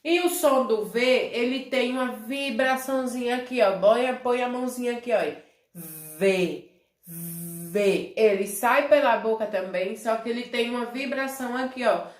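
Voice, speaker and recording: Her pitch is a little high and her intonation fairly even, heard in a roomy space. She's a Brazilian primary school teacher going over a review with young kids, naming herself "tia," constantly asking "né?" or "certo?", and elongating syllables when showing how words sound.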